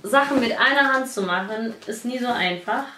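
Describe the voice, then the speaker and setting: High-voiced gushing vlogger woman. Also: normal speed. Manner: gushing, excitable, squeals and laughs over gifts. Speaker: beauty vlogger. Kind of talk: casual unboxing vlog. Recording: echoey room, faint noise.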